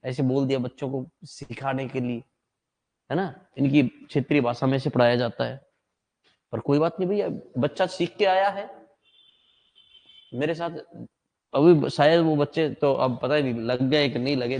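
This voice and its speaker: A man teaching a class, chatty and teasing, quizzing his students on how letters are said. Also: mid-range voice. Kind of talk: joking classroom lecture. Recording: long hall reverb.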